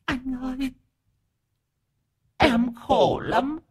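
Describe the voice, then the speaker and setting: Brief: a camp bald ghost, high breathy falsetto, lilt, whiny and sassy, storybook telling. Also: male voice, expressive, measured pace, heavily acted. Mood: whiny lament. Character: camp, sharp-tongued bald male ghost, tearful.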